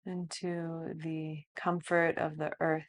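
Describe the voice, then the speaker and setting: A woman yoga teacher guides a yoga nidra relaxation in the manner of a sleep story narrator. Her deep voice stays level in tone, soothing and hushed, with long pauses throughout.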